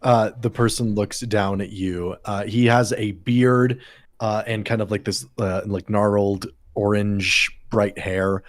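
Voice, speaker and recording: A man's voice: fairly low pitch, fairly even intonation, takes it slowly. A man running a tabletop game as game master, narrating in an easygoing way with many fillers.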